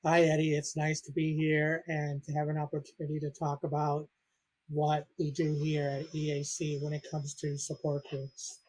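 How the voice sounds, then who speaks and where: A man from Puerto Rico speaks in an earnest, measured way as a guest, describing the support group he runs. His voice sits a little high. His pitch barely moves. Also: monotone, a little mellow. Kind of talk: interview answers.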